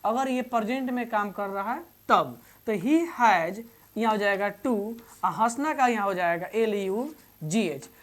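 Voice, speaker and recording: A woman teaching English grammar in Hindi. She repeats each example slowly and quizzes the learners as she goes. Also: mid-range voice, expressive. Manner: addresses learners fondly as "babu". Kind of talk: Hindi-medium classroom grammar lesson.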